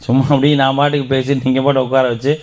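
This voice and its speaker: A man's voice: mid-range voice, flat delivery, fast talker, a little mellow. Man preaching, quizzing his listeners. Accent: Tamil Nadu. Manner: interactive, quizzes the audience with questions. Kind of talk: Islamic teaching talk to members. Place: outdoor garden gathering.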